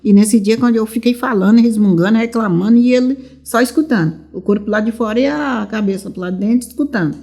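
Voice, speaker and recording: Warm-voiced São woman recounting. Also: on the high side, fast talker, hardly any pauses. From São Paulo, Brazil. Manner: rambling retelling, many restarts, acts out the dialogue. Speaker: mother of a missing teenager. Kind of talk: emotional personal testimony.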